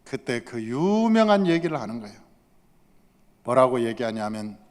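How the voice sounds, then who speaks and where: A male pastor preaching a sermon, acting out the story with sudden loud outbursts and quiet low asides. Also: sing-song, normal speed, in a large hall. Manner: dramatic storytelling with swings from loud shouts to low murmurs.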